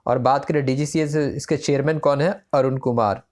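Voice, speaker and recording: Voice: medium pitch, fairly even intonation, normal speed, a little mellow. Tutor quizzing through exam facts. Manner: poses quiz questions, then answers them; switches between Hindi and English mid-sentence. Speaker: exam-prep current affairs tutor. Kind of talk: exam-prep lesson.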